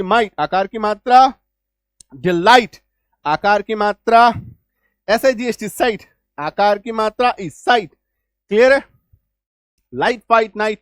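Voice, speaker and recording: A male teacher explaining English spelling rules, spelling out letters slowly and often asking whether the class has understood. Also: sits high, fairly bright tone, clean tone, dry recording, clean studio sound. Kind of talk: spoken spelling lesson.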